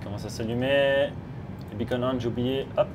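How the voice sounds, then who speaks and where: A man's voice: medium pitch, steady tone, normal speed, noisy background. A man casually commenting on a flight simulator as host and virtual pilot. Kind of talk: casual gaming commentary with pilot radio calls.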